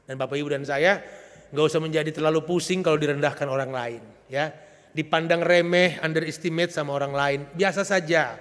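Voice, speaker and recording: A male pastor preaching a lively, joking sermon with an Indonesian accent, swelling into loud emphatic bursts. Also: fairly high pitch, brisk. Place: church sanctuary. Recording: long church reverb.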